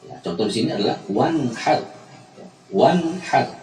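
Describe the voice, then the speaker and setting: A man's voice: medium pitch, expressive, darkish tone. Patient Indonesian-accented male tajwid teacher. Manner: patient, repeats each example slowly. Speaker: Quran recitation teacher. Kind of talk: tajwid lesson with slow recited examples. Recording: echoey room, mic at a distance, faint music.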